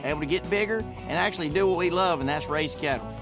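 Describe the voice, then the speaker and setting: A man's voice: a little high, fast talker. A man, a cattle business partner narrating a reality show. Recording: music behind the voice.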